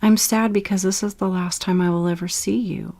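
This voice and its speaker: A woman's voice: mid-range voice, fairly even intonation, fairly quick, warm tone, natural voice. A woman voicing a tough young woman with new powers, who talks bluntly and swears. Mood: sad.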